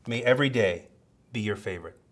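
A man closing a speech, storytelling and dropping his voice to a hush. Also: lowish voice, fast talker.

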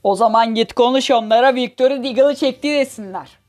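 Brief: woman gaming streamer, slightly high voice, excitable and joking, trash-talks the other team. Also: a little fast. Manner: excitable, joking, teasing, cursing at rivals. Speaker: gaming channel host. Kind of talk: live gameplay commentary.

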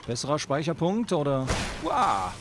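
A man giving casual gameplay commentary as a let's play host, talking excitedly to the enemies on screen. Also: a little high, moderate pace, background noise.

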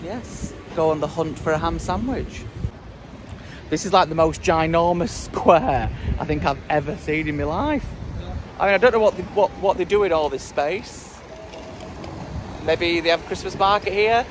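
A man's voice: on the high side, moderate pace. Chatty British man filming on the street. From United Kingdom. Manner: chatty, talking to camera while walking. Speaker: travel vlogger. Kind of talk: casual travel vlog. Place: outdoors on city streets. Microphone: handheld phone camera at arm's length. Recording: street noise behind. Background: street and traffic noise.

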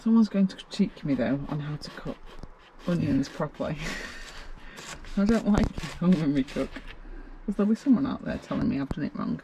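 A woman chats from behind the camera with a teasing, bouncy lilt that rises and falls a lot. Clear outdoor noise sits under her voice. She sounds relaxed and playful on a camping trip. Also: deep voice. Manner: teasing, chatty, quick to laugh. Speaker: vlogger's travel partner. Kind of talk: casual off-camera chat.

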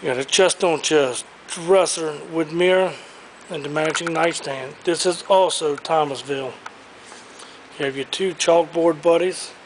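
An auctioneer with a voice on the high side speaks a little slowly as he cheerfully walks a large indoor warehouse, previewing what's for sale. He records on the camera he carries, and the poor audio carries a little hiss or hum.

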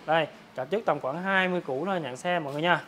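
A man, a motorbike dealer, giving a hard-sell promotional sales pitch to viewers, repeatedly rattling off prices. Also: rapid-fire, bright, forceful tone, a little hiss or hum. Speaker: motorbike dealer presenting his stock. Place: large open-sided metal-roofed motorbike warehouse.

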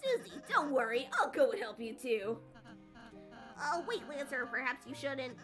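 Gentle young male goat prince, acted by a woman, high voice, courteous, earnest, game music behind. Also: very animated, moderate pace. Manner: courteous, mildly scolding.

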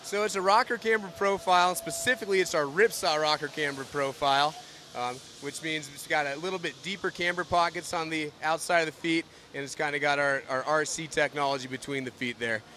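A man who manages a factory, explaining the production steps in a steady, knowledgeable way. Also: a little high, brisk, slight background noise. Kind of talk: technical explanation.

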